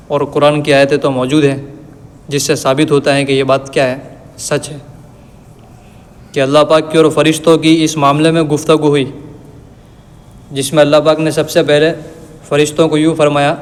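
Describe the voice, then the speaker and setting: A man giving a religious lesson, reciting verses slowly and then explaining them in plain everyday words. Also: a little high. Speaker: Quran teacher. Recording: long reverb.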